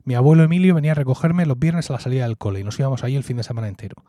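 A man's voice: mid-range voice, rapid-fire, warm tone, no room sound, studio quality. A man with a Murcian accent, co-hosting a podcast and telling fond, reflective stories in casual conversation, often tagging his lines with a questioning "¿no?". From Murcia, Spain. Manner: reflective, fond storytelling with frequent "¿no?" tags. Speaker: podcast co-host.

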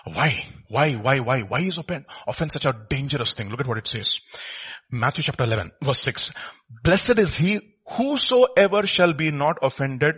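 A man's voice: mid-range voice, animated, moderate pace, fairly bright tone, slightly rough. A man with an Indian accent preaching informally, repeating short phrases and putting rhetorical questions to his listeners.

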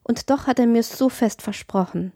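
Woman putting on a shy young village girl, soft, sighing, mellow, close and dry. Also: a little high, normal speed, dry recording, pitched above the performer's own voice. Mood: shy, wistful.

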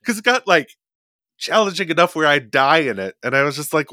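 A man's voice: a little high, expressive, a little fast, bright, forceful tone, no room sound, clean studio sound. A man hosting a casual gaming podcast, rambling with many fillers. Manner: rambling, lots of fillers and likes. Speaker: podcast host. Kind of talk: casual chat. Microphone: desk podcast mic.

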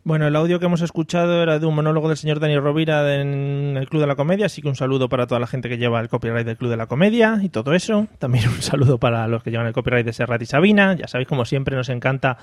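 A man's voice: medium pitch, no echo, studio quality. A man hosting a casual podcast, introducing his guests with jokes and laughing at his own lines. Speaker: podcast host.

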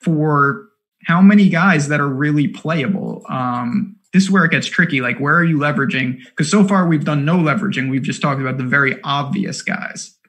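A man co-hosting a fantasy basketball strategy show, talking casually in quick, animated bursts with lots of fillers. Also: a little high. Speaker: co-host of a fantasy sports show. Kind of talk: casual analytical chat.

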